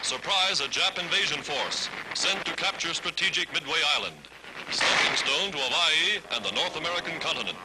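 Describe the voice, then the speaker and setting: A man's voice: a little high, lively intonation, moderate pace, heavy background noise. A man giving dramatic, declamatory 1940s wartime newsreel narration.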